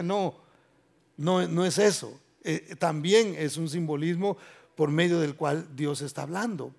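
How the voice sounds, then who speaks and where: A male pastor preaching a sermon, building to loud emphatic passages and reading scripture slowly and solemnly. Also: on the high side, gravelly.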